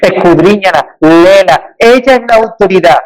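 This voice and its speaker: High-voiced man preaching emphatically. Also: moderate pace, poor audio. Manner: emphatic, rising on repeated rhetorical lists. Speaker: pastor. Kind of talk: sermon.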